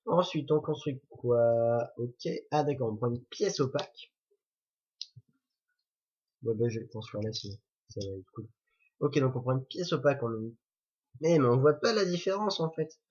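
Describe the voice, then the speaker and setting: A man's voice: mid-range voice, animated, normal speed, long pauses, a little mellow, breathy edge. A man reviewing a toy set in a chatty, jokey way, correcting himself as he goes. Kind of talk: casual building commentary. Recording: dull lo-fi recording.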